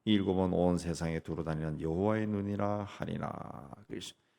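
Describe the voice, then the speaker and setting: A man's voice: sits low, brisk, vocal fry, warm tone. A middle-aged man preaching a dawn prayer-meeting sermon, repeating key phrases and punctuating with short affirmations, with sudden emphatic rises. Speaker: pastor. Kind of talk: early-morning prayer sermon.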